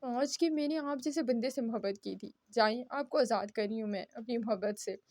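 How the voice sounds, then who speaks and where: A heartbroken young wife, read by a woman, pleads and reproaches in this storybook reading. The voice sits high. The sound is dry and close. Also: fairly quick, a little mellow, dry recording, close to an everyday voice. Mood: tearful, accusing.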